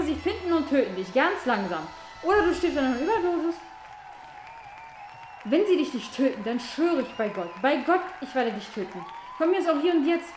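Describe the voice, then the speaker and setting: A woman playing a bitter vengeful young woman. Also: sits high. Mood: menacing. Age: young adult. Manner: cold, accusing, cutting. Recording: echoey room with music behind.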